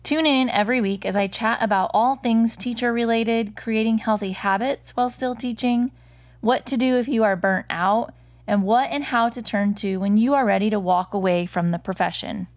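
A woman's voice: on the high side, moderate pace. Upbeat woman hosting a podcast. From American Midwest. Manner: upbeat, encouraging, with fillers. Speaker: podcast host. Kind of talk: casual podcast chat.

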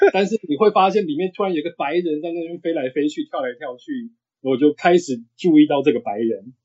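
A man in his thirties with a husky voice, chatting casually as a sports podcast guest. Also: fairly high pitch, expressive, brisk, a little mellow. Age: 30s. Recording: dull, lo-fi audio.

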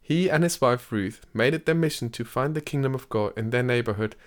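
For a podcast, a man reads scripted documentary narration in a measured way, his voice rising for quoted speech. His pitch is medium.

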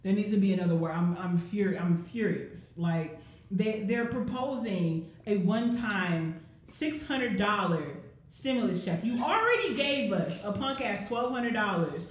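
A woman's voice: mid-range voice, expressive, a little slow, very echoey. A woman co-hosting a casual podcast, talking bluntly and heatedly and swearing freely. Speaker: podcast co-host.

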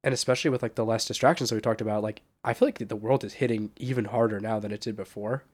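A man's voice: fairly low pitch, rapid-fire, darkish tone. Congested man in a casual podcast chat. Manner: hesitant, restarts and stacked fillers. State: stuffed-up nose from a cold. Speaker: podcast co-host.

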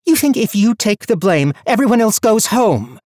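A man's voice: on the high side, steady tone, brisk, darkish tone, no room sound, studio quality, voice pushed up, natural voice. A man voicing a young woman overlord who questions prisoners with grave, barely hidden anger. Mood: furious.

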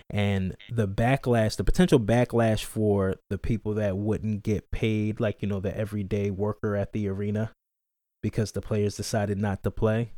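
A man co-hosting a podcast in casual chat, laid-back and thinking aloud with many pauses. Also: lowish voice, dark tone, no echo, studio quality. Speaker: podcast co-host.

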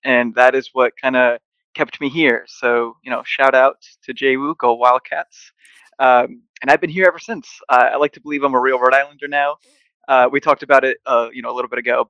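This podcast guest, a young man from Mexico who runs an agency, keeps things friendly and playful during a casual video-call interview from home. His medium-pitched delivery is fairly even and a little fast. The recording is dry and muffled.

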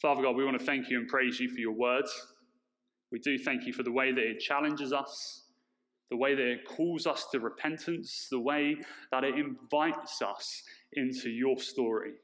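A man leading a church prayer as pastor, earnest and measured, his voice carrying a big hall echo. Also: mid-range voice, fairly even intonation, fairly bright tone. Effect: big hall echo on his mic. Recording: echoey church hall mic.

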